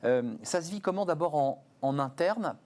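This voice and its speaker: A man interviewing a business guest, pressing with brisk, leading questions. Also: a little high, lively intonation, darkish tone.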